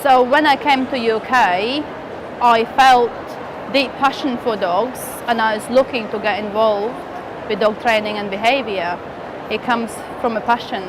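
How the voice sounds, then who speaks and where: A woman with a slightly raised voice talks enthusiastically about her work as a dog trainer. Her phrasing is simple, with small grammar slips, and clear outdoor noise runs behind her. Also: fairly high pitch, measured pace. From Latvia. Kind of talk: testimonial interview.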